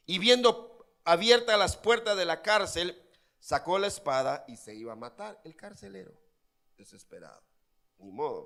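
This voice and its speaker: A man's voice: a little high, a bit bright. A man preaching a sermon as pastor, addressing his congregation with emphatic rises. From Guatemala.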